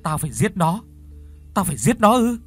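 Man doing a possessed, murderous young woman for a storybook: repetitive, frantic, husky. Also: medium pitch, sing-song, moderate pace, soft background music. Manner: repeats herself in a frantic mutter.

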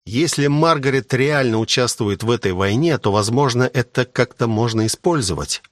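A man reading a first-person adventure audiobook with steady dramatic storytelling. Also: medium pitch, normal speed, no room sound, clean studio sound. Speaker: audiobook narrator.

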